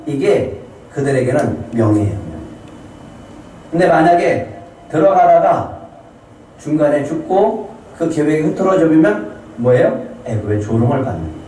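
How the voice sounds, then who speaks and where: Pastor preaching in an echoing church. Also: male voice, on the high side, mellow. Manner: fervent preaching, repeating "예" to the congregation. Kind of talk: sermon. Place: church sanctuary. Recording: roomy distant church recording with faint noise.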